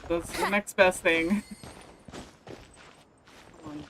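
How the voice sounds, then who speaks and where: This woman's lowish voice is expressive and her pace slow as she plays a video game on a livestream, talking to herself in grumbled, muttered remarks. Game music runs behind her, and the background is noisy.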